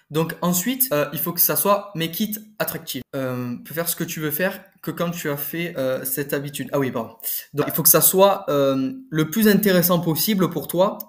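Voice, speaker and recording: Young man, fairly high voice, informal study coach talking to camera with lots of fillers and restarts. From France. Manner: informal, many fillers and restarts, addresses viewer as tu. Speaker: prep-school study coach. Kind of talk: casual advice talk to camera.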